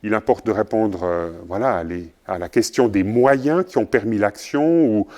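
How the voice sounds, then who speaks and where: A man teaching journalism in a recorded lecture, speaking in a measured way with frequent pauses and fillers. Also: fairly low pitch, dark tone. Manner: measured, often pausing with fillers. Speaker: journalism trainer.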